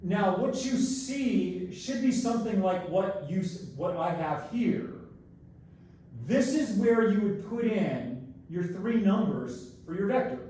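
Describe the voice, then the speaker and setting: A man's voice: high voice, very animated, takes it slowly, dark tone. A man teaching a live online math class. He repeats each instruction and sounds like he is in an echoing tunnel because he is far from the camera mic. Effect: echoing tunnel-like sound from a distant camera mic. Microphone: built-in camera microphone across the room. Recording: very echoey room, far from mic, faint noise.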